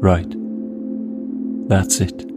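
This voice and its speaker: A man playing a meditation guide, speaking in a soothing, slow guided-meditation manner, with music behind.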